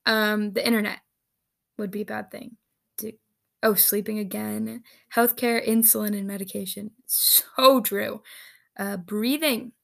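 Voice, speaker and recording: A woman vlogging on her own, reading answers aloud and reacting with giggles and quick asides. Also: medium pitch, fairly even intonation, creaky, fairly bright tone. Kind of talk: casual solo chat.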